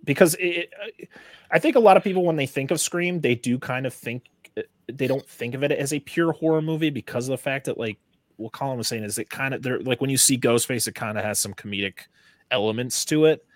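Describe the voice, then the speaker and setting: A man's voice: medium pitch, fairly quick, no room sound, clean studio sound. A man on a podcast as a guest, chatting eagerly about horror films and restarting his sentences often. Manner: enthusiastic, rambling with restarts. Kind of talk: casual film discussion.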